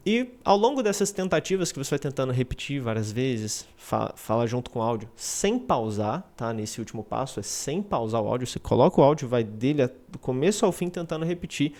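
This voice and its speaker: A man gives a relaxed spoken lesson in a mid-range voice. He talks conversationally, checks in with the listener often, and restarts his phrases as he goes. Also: mid-range voice, a little fast. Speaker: English teacher.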